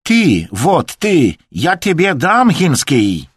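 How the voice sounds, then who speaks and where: A man voicing a high sly shaman. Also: huge pitch swings, unhurried, breathy edge, no echo, clean studio sound, full character voice. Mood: indignant. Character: calm cryptic Chinese male shaman.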